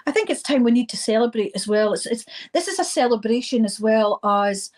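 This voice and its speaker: A middle-aged or older woman with a Highland Scottish accent, speaking informally as an interview guest, often repeating words as she goes. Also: a little mellow. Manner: halting, repeats words and phrases. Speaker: interview guest, event organiser.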